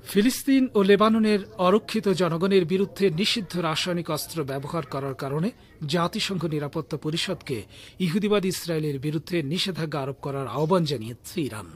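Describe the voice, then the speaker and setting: Husky-voiced male news reader. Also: a little high. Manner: measured formal delivery. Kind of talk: scripted news reading.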